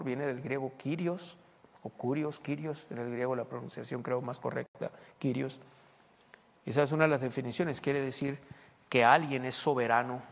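A man preaching a sermon in a conversational way, asking his listeners question after question. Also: medium pitch. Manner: conversational preaching, rhetorical questions, occasional English phrases. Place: U.S. Southwest. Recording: long reverb in a hall.

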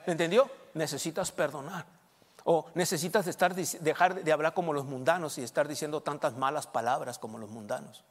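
A man preaching a sermon as pastor, emphatic, swinging between loud and soft and checking in with the congregation. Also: fairly high pitch, brisk, few pauses. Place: church. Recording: long church reverb.

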